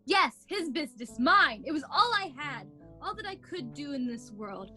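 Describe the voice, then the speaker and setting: A woman's voice: high voice, very animated, moderate pace, pushed and bright, heavily acted. A woman playing a fearful, huffy old miserly lady in a radio play, with dramatic, pleading delivery. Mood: defensive. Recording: music behind, home video-call recording.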